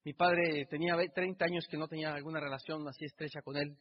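Brief: middle-aged motivational speaker, high husky voice, dull hall recording. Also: male voice, steady tone, fast. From Mexico. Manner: emotional, repetitive, builds with repeated phrases. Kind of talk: motivational stage speech. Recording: dull sound in a reverberant hall.

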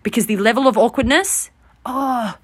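Young adult woman, podcast host, casual storytelling, animated, self-deprecating, overtired. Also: fairly high pitch, normal speed, breathy edge.

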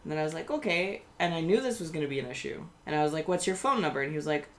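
Low-voiced young woman telling a story. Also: very fast. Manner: animated storyteller acting out quotes. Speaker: podcast co-host. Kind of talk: casual chat.

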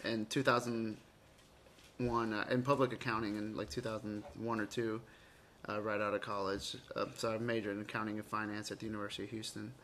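A man's voice: on the low side, level tone, a little fast, fairly bright tone, slight background noise. A man in his forties, born abroad and raised in the southern US, chatting as a podcast guest and telling stories animatedly with self-mocking asides. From Argentina, raised in Texas. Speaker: interview guest. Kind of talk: casual conversation.

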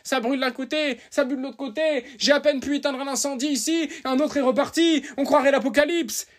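A man's voice: very high voice, brisk, voice pushed up. A man mocking a fretful pious man who complains in an exaggerated, whiny lament that fires are breaking out everywhere.

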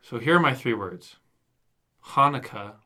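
A man's voice: medium pitch, animated, unhurried, noisy background. A young man co-hosting a casual movie review podcast, talking playfully and laughing often. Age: young adult. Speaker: podcast co-host.

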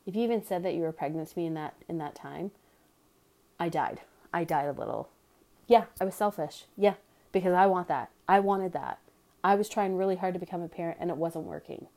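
A woman's voice: on the low side, brisk, mellow. A woman candidly telling a personal story in casual chat, blunt and chatty with sarcastic asides.

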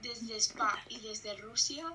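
A woman's voice: a little high, fairly even intonation, slow pace, a crowd in the background. A young woman, co-hosting a podcast in casual chat, joking and sympathetic with short reactions. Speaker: podcast co-host.

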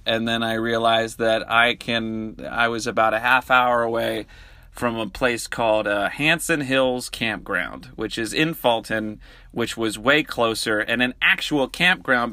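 A young man casually telling a road-trip story, animated and swearing, his voice jumping high when exasperated. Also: no echo. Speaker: vlogger.

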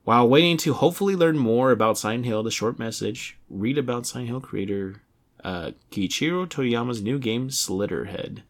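A young adult man hosts a casual video game podcast. He rambles, starts sentences over and fills gaps with "like" and "uh," his voice sitting in an ordinary middle pitch. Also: animated, moderate pace. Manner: rambling, many restarts and fillers. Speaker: podcast host.

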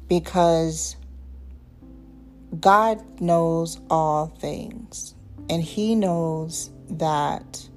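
A woman in her twenties hosting a casual faith-based podcast, talking in a relaxed, rambling way with many ums and asides. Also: on the low side. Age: 20s. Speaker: podcast host.

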